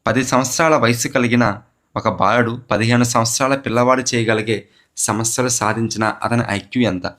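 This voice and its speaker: In this exam question walkthrough lecture, a man prepares students for a teacher exam in psychology. His voice is medium-pitched and a bit bright, with fairly even intonation and a normal speed. He asks questions and answers them himself, hammering key terms through repetition.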